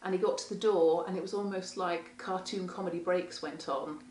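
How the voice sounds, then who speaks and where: Hoarse mother in an echoey room. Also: on the low side, steady tone, moderate pace, a little mellow. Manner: frank, candid storytelling that acts out quoted speech. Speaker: parent carer. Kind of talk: interview testimony. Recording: echoey room, mic far off.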